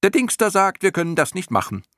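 A squeaky giddy clown moth. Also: male voice, very animated, a little fast, a bit bright, no echo, studio quality. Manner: squeaky, shrieking, mocking.

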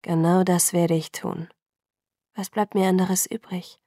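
For an audiobook, a woman voices a calm, protective young vampire man, speaking softly, slowly and in a low, measured way. The recording is studio quality with no echo.

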